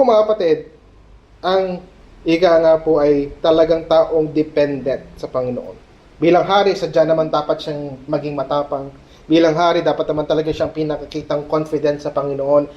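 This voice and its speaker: Man, pastor, prayer meeting sermon, animated, slightly high, mellow dark tone, dull lo-fi recording. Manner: animated preaching, tagging points with "Okay?"; mixes Tagalog and English mid-sentence.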